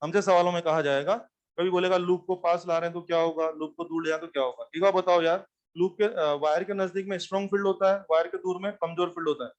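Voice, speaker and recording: High-voiced physics teacher. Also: male voice, fast talker. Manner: animated, repeats questions to students. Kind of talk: classroom lecture.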